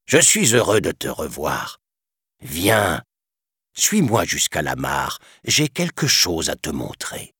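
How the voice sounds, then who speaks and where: A man voicing a wise old male monkey in a storybook, speaking gently and a little higher than his own voice. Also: wildly swooping pitch, slow, husky, dry recording, clean studio sound, heavily acted. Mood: kindly.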